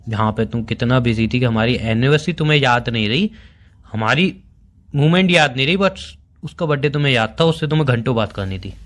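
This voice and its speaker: A man's voice: medium pitch, expressive, a little fast, natural voice. A young man playing a boyfriend who feels ignored, reproachful and sarcastic toward his girlfriend. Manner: reproachful, sarcastic, quietly bitter. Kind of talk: amateur romantic audio drama.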